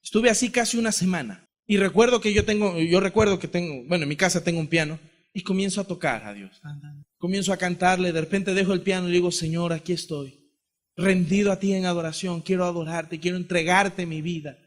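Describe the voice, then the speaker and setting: Speaking briskly and with impassioned energy, an Ecuadorian preacher shares his testimony in a heartfelt sermon. His voice is high for a man, and he acts out exchanges with God and his brother.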